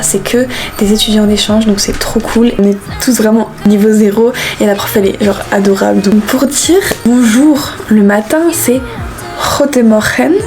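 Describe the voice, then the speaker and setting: A woman's voice: mid-range voice, darkish tone. A 19-year-old woman chatting casually to the camera as a vlogger, upbeat and chatty, showing her things as she talks. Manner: chatty and upbeat, lots of fillers, shows items to the camera. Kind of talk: casual vlog chat. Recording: music playing underneath.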